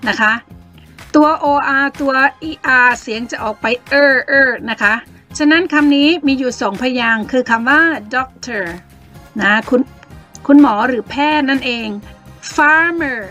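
A woman teaching English to children with a Thai accent, slowly sounding out words syllable by syllable in an encouraging way. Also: high-pitched, bright, forceful tone, faint music behind.

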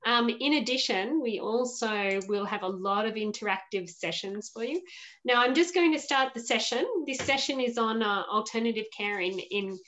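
A woman's voice: a little high, moderate pace. Woman, forties, webinar host, upbeat, filler-heavy, laptop mic. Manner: upbeat, warm welcome with frequent fillers. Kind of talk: online panel moderation. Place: home room with shelves. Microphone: laptop webcam video call.

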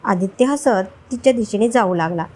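A woman's voice: medium pitch, lively intonation, normal speed, mellow. A woman narrating a romance story expressively, reading all the parts herself.

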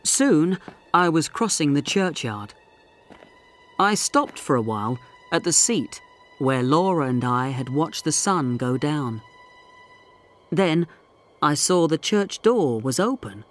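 A man narrating a story slowly and clearly for English learners. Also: on the high side, very animated, faint music behind. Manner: slow, deliberate, clearly articulated.

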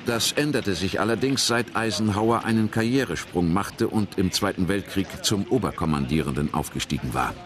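A man's voice: sits low, normal speed, hardly any pauses, noisy background. A man reading scripted narration for a historical documentary.

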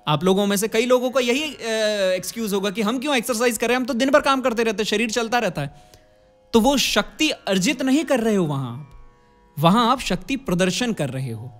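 A man's voice: sits high, lively intonation, fairly quick, soft background music. A man teaching a singing lesson, explaining step by step and chanting vowel drills for his students to repeat. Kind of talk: vocal lesson.

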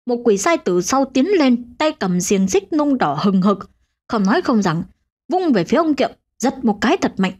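Expressive woman telling a ghost story. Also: normal speed. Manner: expressive, swinging pitch. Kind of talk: dramatic ghost story narration.

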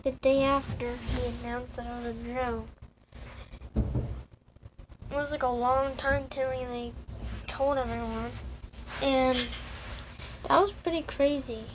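A young woman ranting casually to her viewers, rambling and halting with many fillers and restarts. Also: sits high, steady tone, background noise. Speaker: online community vlogger. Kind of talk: casual rant to camera.

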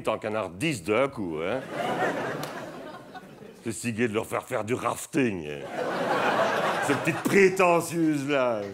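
A man's voice: medium pitch, background noise. A middle-aged man with a Belgian French accent doing a rambling stand-up monologue, chatting with the audience. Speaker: stand-up comedian. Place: theatre stage before a live audience. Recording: live show with loud audience laughter.

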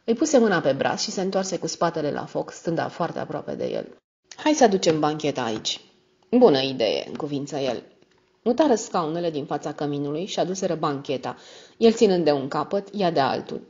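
O narratoare citește o carte audio polițistă cu o voce joasă și așezată, într-un ritm măsurat. Sunetul este înfundat, cu o calitate lo-fi. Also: female voice, low voice, very animated, a little mellow.

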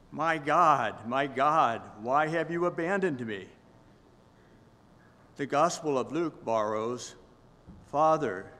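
An older man giving a measured sermon reflection at a lectern in a large church sanctuary. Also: mid-range voice, a bit bright. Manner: measured, deliberate reading. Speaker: minister. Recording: long church reverb.

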